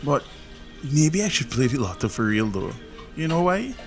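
An actor playing a devoted, respectful young boyfriend in a domestic drama. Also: male voice, on the high side, very animated, moderate pace, soft background music. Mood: teasing, happy. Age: young adult.

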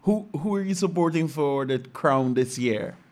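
A man's voice: fairly high pitch, expressive, normal speed. A man hosting a radio segment, asking questions politely. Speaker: radio host. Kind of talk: radio interview.

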